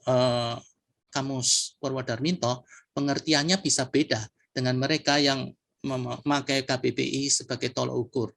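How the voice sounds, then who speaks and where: A man with a gravelly, creaky edge to his voice talks through word meanings at a sharing session. His delivery is measured and reflective, and he often stops to ask rhetorical questions. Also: medium pitch, fairly bright tone. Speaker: speaker at a poetry competition sharing session. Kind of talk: explanatory talk on word usage.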